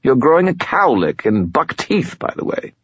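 Male narrator doing a high, whiny skull spirit, grumpy, storybook fantasy, slightly muffled. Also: very animated, a little slow, slightly rough, no room sound, heavily acted. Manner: whiny, complaining.

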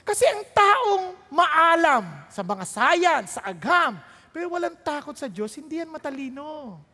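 Lady pastor preaching, super high voice, lots of jokey questions, long hall echo. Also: sing-song, unhurried, pushed and bright. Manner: rhetorical questions, joking, switching between Tagalog and English. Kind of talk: sermon.

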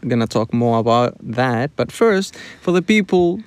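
A Chilean man in his thirties whose first language is Spanish, co-hosting a casual podcast. He talks in a playful, halting way, repeating words as he searches for them. His voice sits mid-range and sounds dry and close. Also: medium pitch, sing-song, smooth, no echo. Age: 30s. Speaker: podcast co-host. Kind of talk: casual chat.

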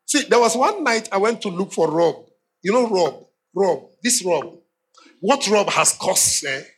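Animated laughing Nigerian preacher man. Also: sits high, measured pace, husky. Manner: animated, laughing, acts out voices in his stories. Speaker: pastor. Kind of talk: humorous sermon storytelling.

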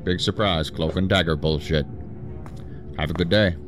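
An actor playing a dry, authoritative male assistant director of a federal agency in a science fiction audio drama, speaking in a measured, formal, wry way. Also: low-pitched, steady tone, music in the background, lightly acted. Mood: dry, dismissive.

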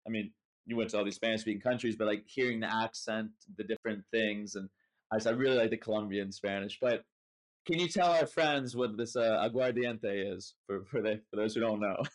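This young American man hosts a podcast, chatting casually in a loose, rambling way. His voice sits fairly low and runs a little fast.

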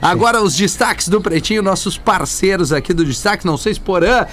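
A man's voice: high-pitched, lively intonation, fairly quick, fairly bright tone, slight background noise. A male radio host with a southern Brazilian accent, steering a casual chat.

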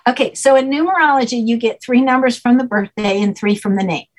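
Speaking quickly in a fairly high voice, a woman guest explains a name system in conversation. She covers it at length and patiently keeps checking understanding with a repeated "okay?"

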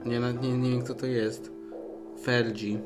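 A man's voice: mid-range voice, flat delivery, a little slow, roomy sound, over loud music. A man co-hosting a casual chat podcast, telling rambling stories with a giggle. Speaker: podcast co-host.

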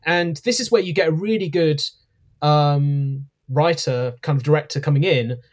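A man's voice: on the high side, normal speed, darkish tone. Chatty man with ums. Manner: hesitant, many ums, self-correcting. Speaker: podcast co-host. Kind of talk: casual review chat.

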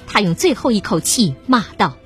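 A woman narrating a story in a steady, plain storytelling way. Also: medium pitch, normal speed, faint music behind. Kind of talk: scripted narration.

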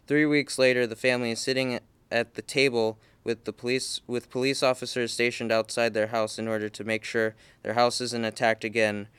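Smooth-voiced man reading a story. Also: medium pitch, flat delivery, a bit bright, no room sound. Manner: halting, with restarts and slips. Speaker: reader.

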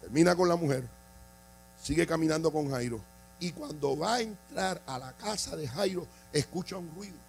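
Gravelly-voiced impassioned preacher man. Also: a little high, moderate pace, slight background noise, rough recording. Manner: impassioned, swings from quiet to shouting. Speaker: bishop and pastor. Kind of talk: preaching a sermon.

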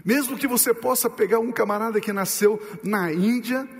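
High-voiced preaching man in a reverberant hall. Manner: emphatic preaching, rhetorical questions, slows and drops to low for stress. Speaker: pastor. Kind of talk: sermon.

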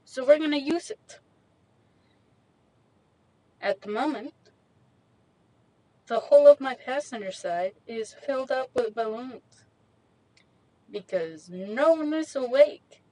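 A young woman chats to her audience from the driver's seat of a small parked car, speaking close into a microphone. She rambles in a slangy, self-mocking way and takes her time, drawing her words out at an unhurried pace. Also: sits high, lively intonation, warm tone, poor audio. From Mexican heritage. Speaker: vlogger. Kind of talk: casual chat. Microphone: handheld USB microphone.

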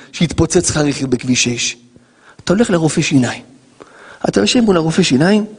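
A man, a rabbi giving an animated Torah lesson, dramatic and joking, acting out dialogues. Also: sits high, slightly rough, big-room sound. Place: yeshiva lesson hall.

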